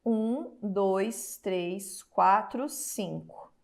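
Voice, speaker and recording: A woman's voice: mid-range voice, drawn-out words, creaky, darkish tone. A woman teacher with a Brazilian accent giving an online exam-prep lesson. She explains step by step, stretches out example words and checks in often with her students. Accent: Brazilian Portuguese. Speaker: Portuguese teacher.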